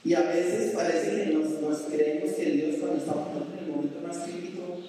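Mellow-voiced woman preaching in echoey hall. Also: sits low, fairly even intonation, moderate pace. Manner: storytelling, acts out pleading prayers. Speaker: pastor. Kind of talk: sermon. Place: church. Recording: echoey church hall, mic far off.

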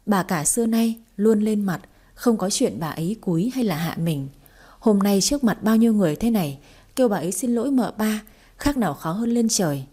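Woman reading a story aloud, mellow husky voice, lively storytelling. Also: mid-range voice, fairly quick. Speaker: narrator. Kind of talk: audiobook narration.

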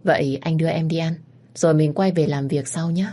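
A woman's voice: deep voice, fairly even intonation, brisk, dark tone. A woman reading as a worried devoted boyfriend. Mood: gentle. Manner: urgent, pleading questions. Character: young man, devoted worried boyfriend, company director.

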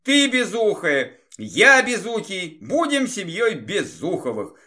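A man's voice: high voice, wildly swooping pitch, unhurried, sharp tone, pitched above the performer's own voice, full character voice. A man reading the lines of a brusque soldier leader in an audiobook, dry and teasing. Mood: wry.

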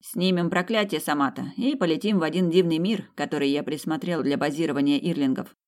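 An audiobook reader voicing an eager male fire-mage who serves his lord, speaking in a raised, lively voice. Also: medium pitch, fast, natural voice.

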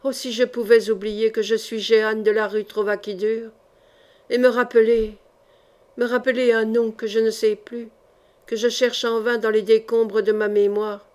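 A woman's voice: fairly high pitch, flat delivery, a little mellow, close to an everyday voice. A woman reading as a tormented, half-mad mother. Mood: resolute. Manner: broken, halting outbursts.

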